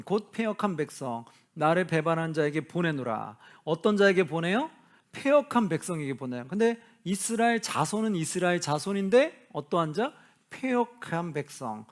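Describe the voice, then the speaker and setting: A male pastor giving a Bible study lecture, reading scripture slowly and asking the class questions that he answers himself. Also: fairly high pitch. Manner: acts out quoted lines of imagined people.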